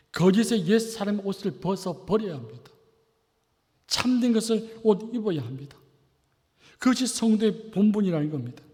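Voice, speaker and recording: A man preaching a sermon as pastor, asking the congregation rhetorical questions and swinging between loud and soft. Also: high voice. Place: church sanctuary. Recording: long reverb of a church hall.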